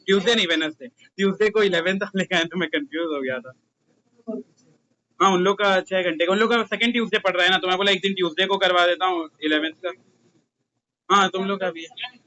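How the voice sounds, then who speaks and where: Young male commerce tutor, Indian accent, bright high voice, chatty and teasing, faint room noise. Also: a little fast, poor audio. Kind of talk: casual classroom talk.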